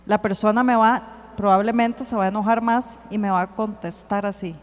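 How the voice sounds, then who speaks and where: A woman's voice: mid-range voice, steady tone. Earnest woman preaching in a reverberant hall. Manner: earnest, slows down to read scripture. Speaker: church speaker. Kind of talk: church teaching talk. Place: church hall.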